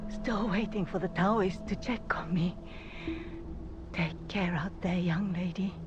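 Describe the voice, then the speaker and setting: A very slow, ailing refugee. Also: female voice, fairly low pitch, highs cut off, background noise. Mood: frail, caring. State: sick, coughing, breathy. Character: ailing, caring refugee woman, weary and resigned. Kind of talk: video game character dialogue.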